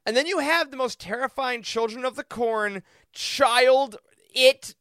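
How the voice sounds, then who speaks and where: A man hosting a casual podcast chat, talking in an excitable, gushing way. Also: very high-pitched, unhurried, clear, resonant tone, dry recording, clean studio sound. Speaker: podcast host.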